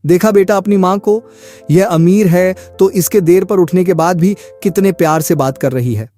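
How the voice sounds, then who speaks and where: A voice actor playing a mild, calm father-in-law in a cartoon story, reasoning gently. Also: mid-range voice, moderate pace, faint music behind, close to an everyday voice.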